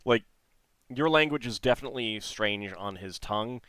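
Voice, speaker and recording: A man casually narrating a tabletop game as game master, in a halting, thinking-aloud way. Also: mid-range voice, lively intonation, a bit bright, clear, resonant tone, no room sound.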